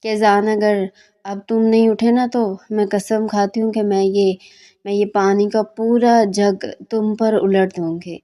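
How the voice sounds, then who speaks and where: A woman's voice: mid-range voice, little pitch movement, a little slow, mellow, close to an everyday voice. A woman doing a bossy, fiery young girl. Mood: scolding. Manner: scolding, impatient. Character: young female student, bossy and quick-tempered.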